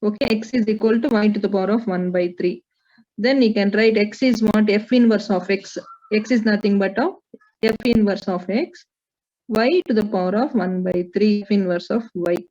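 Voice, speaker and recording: A woman with an Indian accent teaches a maths class, working through problems and prompting students with questions. Her mid-range voice is a little mellow at normal speed, on dull, lo-fi audio.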